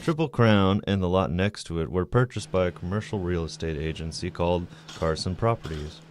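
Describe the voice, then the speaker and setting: A male reporter reads a news segment with measured, even delivery. His voice is very deep. Faint music plays beneath him. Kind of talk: scripted news narration.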